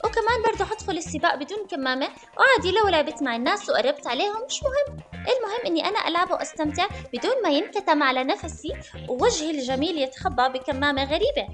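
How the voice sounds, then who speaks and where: A woman giving excitable, dramatic, playful commentary over her own gameplay. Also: very high voice, rapid-fire, over music. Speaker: gaming channel host.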